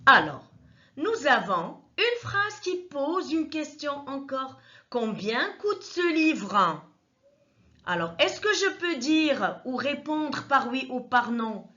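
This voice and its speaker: A woman teaches a grammar lesson at an unhurried pace. She repeats each point methodically, and her high voice swings widely in pitch. The recording is dull and lo-fi. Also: big pitch swings, pushed and bright. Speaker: French teacher.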